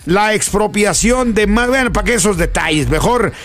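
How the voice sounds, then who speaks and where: High-pitched, theatrical Mexican radio man. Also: moderate pace, a bit bright. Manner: theatrical, sing-song delivery. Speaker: morning radio show host. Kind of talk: upbeat radio show banter and announcements.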